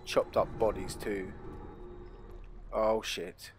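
A man's voice: fairly low pitch, level tone, drawn-out words, a little hiss or hum. Sweary British male horror gamer. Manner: sweary, slangy, jokily threatening, addresses viewers. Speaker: gamer playing a horror game. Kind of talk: casual let's play commentary. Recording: faint game ambience behind voice. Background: horror game ambience.

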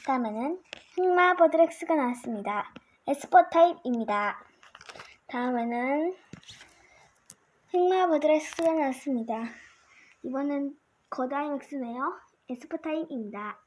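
A child with a high voice presents like an amateur video host. The delivery runs in short, formulaic announcements, one item at a time. There is faint noise and clicking in the recording. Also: expressive, unhurried, long pauses. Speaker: amateur video host reviewing trading cards. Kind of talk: card-by-card show-and-tell commentary.

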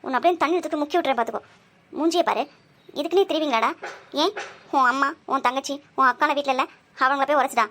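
A man voicing a feisty young woman who scolds with rapid-fire insults. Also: very high voice, little pitch movement, a bit bright, pitched above the performer's own voice. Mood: angry scolding. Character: feisty young woman, sharp-tongued and fierce.

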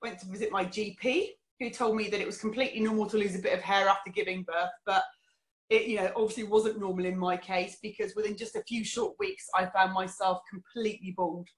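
A woman's voice: medium pitch, fairly even intonation, fairly quick. Candid woman guest in a roomy echo. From England. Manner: candid, reflective, many fillers. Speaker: guest, life coach. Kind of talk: personal storytelling interview.

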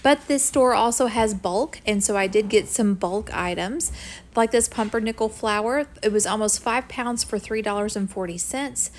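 At home in her kitchen, a homestead vlogger with a medium-pitched voice chats through her grocery haul and weekly meal plan. She's friendly and talkative, tossing in quick asides, picked up by a camera a few feet away with slight background noise.

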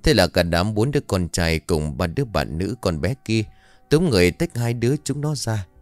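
A man narrating a ghost story in the first person, lively and expressive. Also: lowish voice, moderate pace, no room sound, faint music behind.

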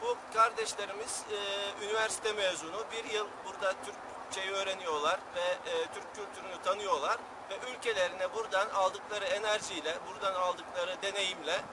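A high-voiced man speaks as a group leader in an outdoor interview. He phrases things in a measured, hesitant way, with clear street and vehicle noise around him. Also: fairly even intonation. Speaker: group leader of a student programme. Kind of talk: on-camera interview explanation. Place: outdoors in a sunny town square.

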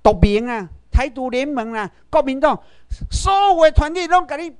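High, lively Taiwanese man lecturing. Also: moderate pace. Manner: rhetorical, keeps quizzing the audience and asking for raised hands. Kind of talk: political lecture to a class.

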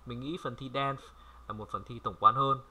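A man from Vietnam giving a casual language lesson, chatty and repeating words slowly for viewers to copy. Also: mid-range voice, fairly even intonation, bright, forceful tone. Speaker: French language tutor. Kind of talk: casual screen-recorded lesson.

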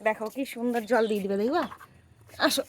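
High-voiced chatty woman vlogger. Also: fast talker, a little hiss or hum. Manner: chatty, talks straight to viewers and gives her child steady instructions. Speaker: vlogger and mother. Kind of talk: casual daily-life vlog. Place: rooftop outdoors.

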